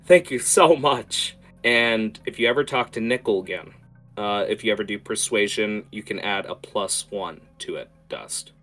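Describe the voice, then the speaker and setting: Man game-mastering in a halting, conversational way. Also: on the low side, bright, forceful tone. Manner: halting, conversational, prompting players. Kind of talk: improvised tabletop game narration and casual chat. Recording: music playing behind.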